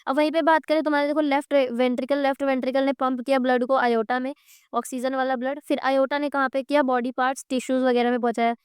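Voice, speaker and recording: High-pitched teacher woman with sore throat. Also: flat delivery, fast, clean tone, no echo, clean studio sound. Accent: Indian. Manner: quizzing students with repeated questions; drawing on a board while explaining. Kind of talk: exam-prep lecture.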